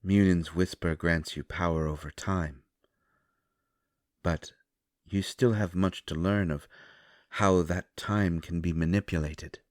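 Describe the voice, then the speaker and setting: A low-pitched, steady male voice brings to life an ancient vampire in scripted immersive roleplay, courteous and knowing, speaking softly and gravely with measured, formal care. The mood is intrigued. It's recorded at studio quality but with a roomy echo and faint music in the background.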